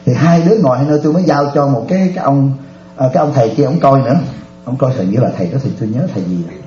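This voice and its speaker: A man's voice: mid-range voice, very fast, echoey room, highs cut off, soft background music. A Buddhist monk, animatedly telling stories in a dharma talk and often laughing with his audience. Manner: animated storyteller, often laughing, addresses listeners directly.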